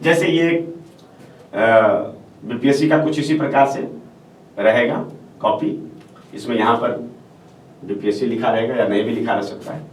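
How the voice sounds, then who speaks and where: A man's voice: medium pitch, unhurried, pauses often. A male teacher giving a step-by-step classroom lecture on answer writing, repeating phrases and checking in with the class as he goes. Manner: explains step by step, repeats phrases, often says "ठीक है". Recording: echoey room, voice from far off, faint hiss.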